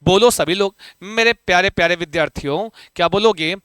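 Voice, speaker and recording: A man's voice: sits high, brisk, fairly bright tone, clean tone, no room sound. A man teaching Sanskrit grammar in a live online class, chanting word forms aloud and coaxing students to answer, with playful mock threats. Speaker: Sanskrit teacher for exam prep.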